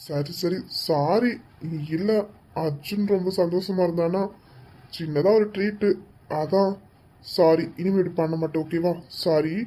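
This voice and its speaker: A woman's voice: lowish voice, steady tone, moderate pace, pauses often, warm tone, close to an everyday voice. A woman playing an apologetic young husband in a comic couple skit, coaxing and begging forgiveness, sometimes turning irritated.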